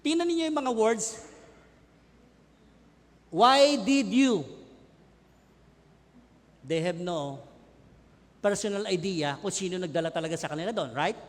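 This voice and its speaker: A male pastor preaching a sermon, swinging between hushed, low passages and loud cries. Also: animated, brisk, long reverb tail. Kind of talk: Taglish sermon.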